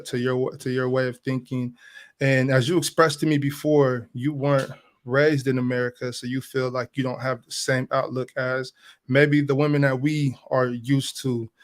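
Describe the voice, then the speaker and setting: Halting male podcast host. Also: mid-range voice. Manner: hesitant, lots of ums and restarts. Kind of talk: casual interview hosting.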